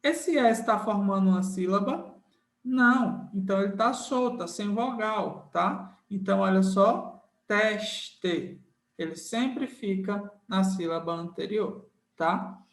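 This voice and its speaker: A man's voice: high voice, takes it slowly, a bit bright, echoey room. A man teaching an online lesson in a friendly, informal way, repeating each rule and checking in with the students often. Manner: repeats key rules, frequent checking tags like "tá?" and "certo?"; uses many diminutives, friendly and informal. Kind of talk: online grammar lesson with screen sharing.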